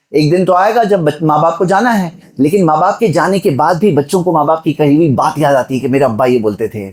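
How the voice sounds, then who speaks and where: The speaker is an exhorting preacher from Mumbai, India, a man whose voice sits high and sounds a little mellow. In this Friday sermon he questions his audience rhetorically and addresses them head-on.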